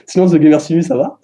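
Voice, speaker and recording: In a casual multiplayer farming game session, a male gaming host chats with friends and speaks to viewers, hesitating often with fillers. His voice leans high, with a dark, husky tone.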